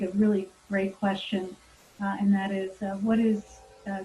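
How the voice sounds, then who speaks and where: A woman's voice: medium pitch, mellow, muffled recording, slight background noise. A woman moderating a candidate forum over a video call, polite, with hesitant fillers. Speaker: host and moderator.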